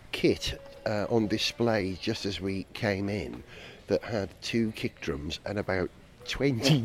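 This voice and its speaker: A man hosting a podcast, chatting in a lively, jokey way while walking around a large drum warehouse. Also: lowish voice. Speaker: podcast host. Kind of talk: casual on-location chat.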